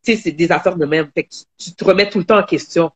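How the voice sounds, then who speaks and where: A woman with a Quebec French accent, a guest telling her own story in an online live interview, halting with many restarts. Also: lowish voice, slightly rough.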